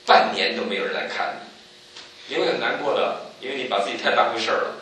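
A man giving a church testimony, telling stories with animated swings and loud exclaiming peaks. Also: medium pitch, quick pace, very echoey, recorded from a distance, noisy background. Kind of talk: sermon testimony.

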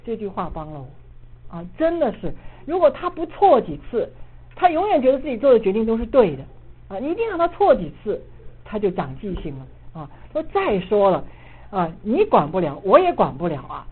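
A middle-aged woman, an assistant pastor, preaching and telling a personal story in a lively way, dotting her speech with filler particles. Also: mid-range voice, normal speed, breathy edge. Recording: muffled phone-like audio with faint noise.

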